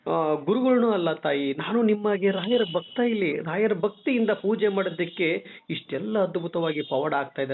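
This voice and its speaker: A man hosting a devotional phone-in, talking in a consoling, preachy way. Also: sits high. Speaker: spiritual guide, host. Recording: phone line.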